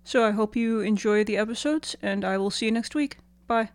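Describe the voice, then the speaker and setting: A woman radio host informally introducing her show in a halting, conversational way. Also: mid-range voice, dry recording.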